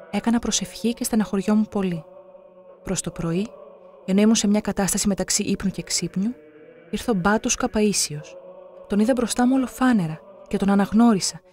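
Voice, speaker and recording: A narrator reading scripted documentary passages in a measured, solemn way. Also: medium pitch, a little mellow.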